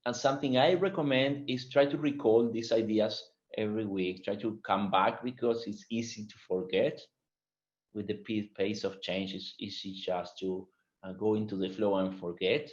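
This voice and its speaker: A man's voice: on the low side, moderate pace, muffled recording. Man with a strong Spanish accent. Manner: animated, frequent fillers and restarts. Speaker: guest speaker. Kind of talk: webinar presentation.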